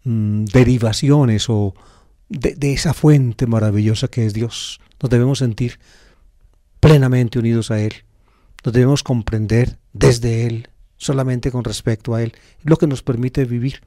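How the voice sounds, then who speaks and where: A priest delivers a reflective sermon on the gospel in a mellow, warm male voice of middle pitch. He explains patiently like a teacher, stopping on fillers and restarting phrases. He leans on repetition to press his points home. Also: fairly even intonation, a little slow. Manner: repeats key phrases for emphasis.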